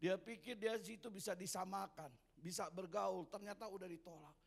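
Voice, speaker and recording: A male pastor preaching and telling a story with lively delivery. His voice sits fairly high for a man. It is husky and gravelly. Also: moderate pace. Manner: animated storytelling. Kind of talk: storytelling sermon.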